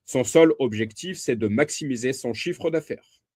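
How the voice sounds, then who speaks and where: Male reader, mid pitch, dry close mic, emphatic on key terms. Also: moderate pace, darkish tone, dry recording. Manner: addresses listener as tu, occasional slips and self-corrections. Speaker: book reader and reviewer. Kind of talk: reading a book summary aloud.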